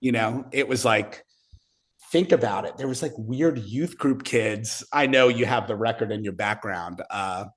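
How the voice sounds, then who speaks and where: A man who is a guest musician tells an animated story, excited and profane, often laughing as he talks. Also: lowish voice, unhurried, husky.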